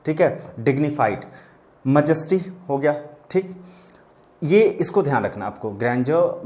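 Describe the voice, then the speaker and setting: A man's voice: medium pitch, darkish tone. A man teaching a vocabulary lesson to exam students, explaining patiently and checking in with them often. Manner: explains patiently, addresses students as children, repeats "theek hai".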